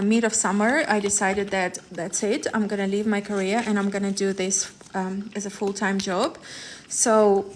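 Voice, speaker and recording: A woman's voice: mid-range voice, slight background noise. A woman, chatting on a live stream as a tarot reader, rambling with many fillers and restarts. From Ukraine. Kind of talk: live-stream chat with viewers.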